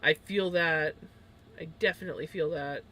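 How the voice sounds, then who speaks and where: A woman's voice: deep voice, moderate pace, bright, forceful tone. A woman streaming her knitting, chatting casually with viewers in a chatty, self-deprecating way. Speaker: crafting streamer. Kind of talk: casual chat while knitting.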